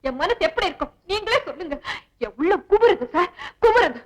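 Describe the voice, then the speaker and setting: A woman's voice: very high-pitched, very animated, brisk, poor audio. An actress playing a frank, spirited young woman in a 1960s film drama, given to tearful, pleading outbursts. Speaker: lead actress in a film scene.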